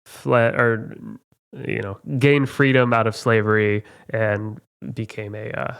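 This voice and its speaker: A man hosting a casual trivia podcast, reading questions in a halting, chatty way and laughing at his own mistakes. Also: fairly low pitch, steady tone, a bit bright, clear, resonant tone. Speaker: trivia quiz host.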